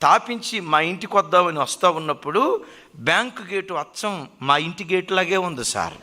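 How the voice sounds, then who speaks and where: A male pastor telling a sermon story, acting out the characters and swinging between loud cries and low murmurs. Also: lively intonation, moderate pace. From India.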